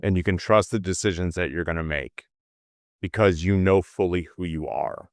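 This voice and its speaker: A man co-hosting a motivational talk, earnest and full of fillers and restarts, a little hoarse as he loses his voice. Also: deep voice, normal speed, dry recording, clean studio sound. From California. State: losing his voice a bit. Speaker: podcast co-host.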